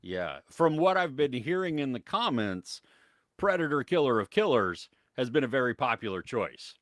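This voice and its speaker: This American podcast co-host has a medium-pitched voice that swings widely in pitch, moving at a moderate pace with a fairly bright tone. The studio-quality recording has no echo. During the live stream he talks casually about films, reads out viewer comments, laughs often and fills his speech with fillers.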